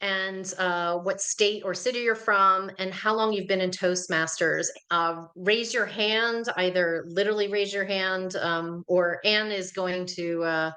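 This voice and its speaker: A woman presenting a speaking workshop on a video call, lively and laughing between points. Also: mid-range voice, measured pace, few pauses, low-quality recording. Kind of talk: live online workshop talk.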